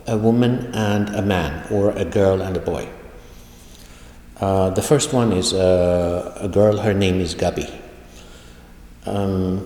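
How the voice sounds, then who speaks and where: A man teaching a language lesson, reading short dialogues and translating them slowly, repeating words for his learners. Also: fairly low pitch, mellow. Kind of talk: recorded online lecture, reading dialogues and translating. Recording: echoey room with long reverb.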